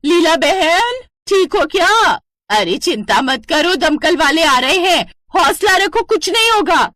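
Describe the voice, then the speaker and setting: A woman's voice: mid-range voice, moderate pace, dry recording, studio quality, lightly acted. A woman voicing a dramatic, gossipy middle-aged neighbor in a cartoon story. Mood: alarmed. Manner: loud and alarmed, shouting.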